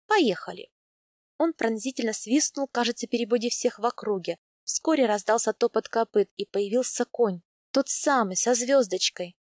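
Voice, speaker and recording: A woman's voice: fairly high pitch, moderate pace, few pauses, a little mellow, no echo. Woman narrating an audiobook, dry. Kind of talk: first-person scripted narration.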